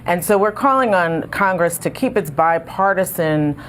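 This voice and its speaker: A woman, a civil rights advocate, giving an earnest and measured answer in a news interview over a remote link. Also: lowish voice, expressive, a little hiss or hum. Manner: earnest, measured, with some fillers. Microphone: remote studio link.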